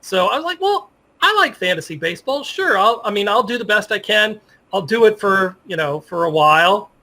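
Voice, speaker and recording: This guest is a sports journalist from the United States, middle-aged, swapping anecdotes and memories in a laid-back interview. He talks a little fast, with a high-sitting voice, lively intonation, vocal fry, and a sharp edge.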